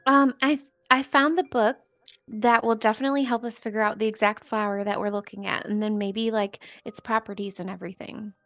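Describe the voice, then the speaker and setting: A woman's voice: mid-range voice, fairly even intonation, fairly quick, a bit bright, no room sound, lo-fi sound, faint music behind. A woman playing a tabletop game, chatting casually. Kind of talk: casual chat.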